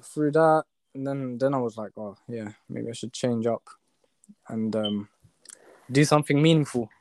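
A man's voice: mid-range voice, normal speed, darkish tone, dry recording. A young man with a London roadman accent chatting casually and telling personal stories in slangy street talk full of tag questions. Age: young adult. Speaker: podcast guest.

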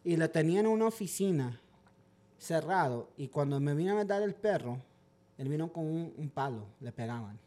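A man's voice: on the high side, expressive, normal speed, mellow. A man guest, a dog trainer, telling stories animatedly in casual podcast talk and mixing in English words.

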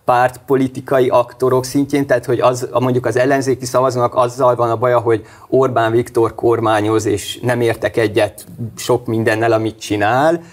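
A man's voice: medium pitch, flat delivery, few pauses. A male host in a studio political discussion, talking hesitantly with many fillers and restarts.

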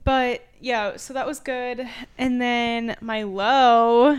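A woman co-hosting a casual podcast, with a smooth, clear voice pitched a little high. She tells stories in a chatty way, packed with "like" fillers, and acts out what other people said. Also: steady tone, takes it slowly. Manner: chatty storytelling with many "like" fillers. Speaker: podcast co-host. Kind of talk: casual chat.

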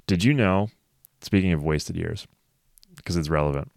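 A man's voice: sits low, normal speed, gravelly, a little mellow, no echo, studio quality. A man co-hosting a podcast, chatting casually about football, laughing often and going off on asides. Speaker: podcast co-host. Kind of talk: casual sports chat.

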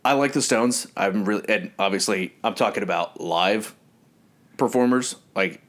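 A man co-hosting a podcast, chatting casually and telling animated stories with frequent laughs. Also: lowish voice, normal speed. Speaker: podcast co-host. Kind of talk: casual chat.

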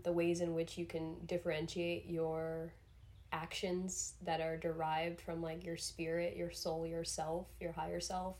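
A woman's voice: fairly low pitch, mellow. A young adult woman hosting a solo podcast in a casual, rambling, introspective way, sounding slightly under the weather. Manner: rambling, self-reflective, uses slangy filler "like". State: under the weather, throat-clearing.

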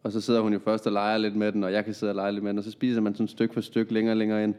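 A man, a comedian and podcast guest, telling a story in a lively, laughing way. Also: fairly low pitch, smooth. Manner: animated, laughing anecdote telling.

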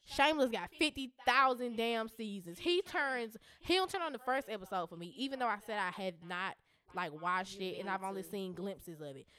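A woman in her twenties co-hosting a casual podcast. She tells stories candidly and profanely, leaning on fillers as she talks. Her voice sits at a middling pitch. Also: expressive, moderate pace, sharp tone. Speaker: podcast co-host. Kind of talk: casual chat.

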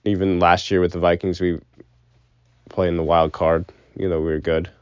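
Solo sports podcast host, young man with a low register, loose sweary opinions, dull lo-fi recording inside a closet. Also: flat delivery, normal speed, a little mellow, clean tone, no echo. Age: young adult. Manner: rambling, opinionated, sprinkled with swearing. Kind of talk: casual sports commentary.

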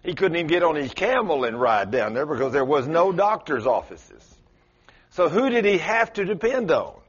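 A man in his late sixties preaching a folksy sermon, quizzing his congregation and rising to loud exclamations. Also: fairly high pitch, very animated, normal speed, husky, lo-fi sound. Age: 60s. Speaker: pastor.

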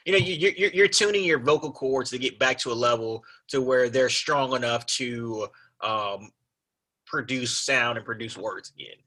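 A young man with a raspy voice, telling his story as a podcast guest in a laid-back, rambling way. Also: medium pitch, moderate pace, bright, forceful tone. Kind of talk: casual conversation.

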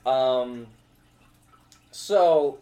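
A young stand-up comedian speaks very slowly in a medium-pitched, dark voice with a roomy sound. In a casual podcast chat he tells a meandering story, full of fillers, restarts, and self-interruptions.

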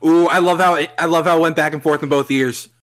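A young man co-hosting a casual movie commentary, excitable, laughing often and swearing. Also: a little high, fast. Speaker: podcast co-host.

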